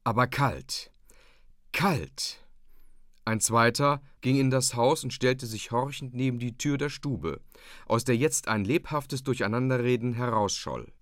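A man reading a story aloud in a scripted narration style, lively and voicing the characters' quoted lines. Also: medium pitch, moderate pace, no room sound, clean studio sound. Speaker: audiobook reader.

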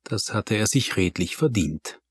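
Male narrator, calm and even; low, dry studio sound. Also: unhurried, husky, no echo. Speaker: audiobook narrator. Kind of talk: scripted narration.

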